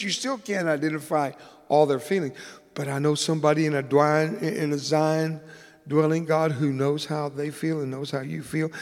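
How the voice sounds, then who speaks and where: Joking storytelling preacher in a reverberant hall. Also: male voice, fairly high pitch. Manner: humorous, conversational storyteller with dramatic swings. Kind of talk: sermon storytelling. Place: church.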